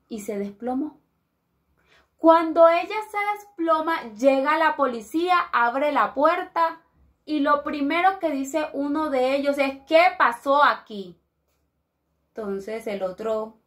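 A woman from Colombia narrates a grim tale in a loose, spoken storytelling manner. Her voice sits high and the pace is unhurried, with small restarts that keep it conversational. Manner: casual, conversational retelling with pauses and restarts. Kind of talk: oral storytelling.

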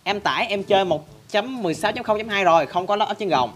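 A man's voice: high voice, expressive, fast talker, fairly bright tone, voice pushed up. A man quoting a complaining young male viewer in a raised, whiny voice.

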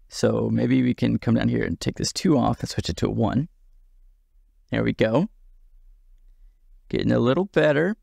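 Gravelly man talking through a tutorial. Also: mid-range voice, darkish tone, dry recording, studio quality. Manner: chatty, self-deprecating, thinks aloud. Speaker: software tutorial instructor. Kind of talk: casual screen-recorded tutorial.

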